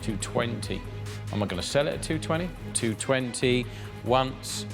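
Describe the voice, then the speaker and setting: A man's voice: mid-range voice, lively intonation, moderate pace, gravelly, over music. A man working as an auctioneer, calling out bids in a repeated chant of prices.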